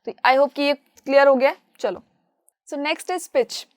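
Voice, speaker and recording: A woman's voice: high voice, takes it slowly, no room sound, clean studio sound. A young woman teaching a physics class, who asks the class questions and answers them herself, mixing English terms into her explanations. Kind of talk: online class lecture.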